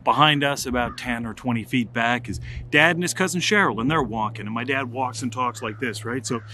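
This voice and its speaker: A middle-aged man, telling a funny personal story in an animated, comic way. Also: mid-range voice, a little fast, a little hiss or hum. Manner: animated, comic, builds to excited outbursts. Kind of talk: casual spoken storytelling.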